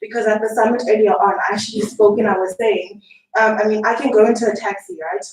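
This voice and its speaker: A young woman from Zimbabwe asks an emotional question from the floor, shaky and urgent, talking fast. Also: mid-range voice. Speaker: audience member asking a question. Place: lecture hall at a public event. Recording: echoey hall, far from mic.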